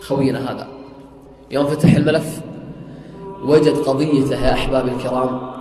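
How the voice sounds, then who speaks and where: A man's voice: medium pitch, little pitch movement, fairly quick, darkish tone. A man, a preacher telling a story in sermon style, swearing oaths and rising to a near-chant. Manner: retells an eyewitness account, swearing oaths, rising to near-singing emphasis. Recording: echoey hall with faint music.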